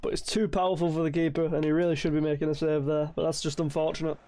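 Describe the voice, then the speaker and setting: A young man giving excitable commentary over his own football video game. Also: on the high side, fast talker. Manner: excitable, laughing, shouting at the game. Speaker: gaming video creator.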